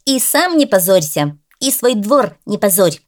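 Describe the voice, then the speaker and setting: A woman voicing a bossy, hot-tempered male cat who coaches a dog, shouting indignantly in a storybook reading. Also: mid-range voice, sing-song, a little slow, voice pushed up.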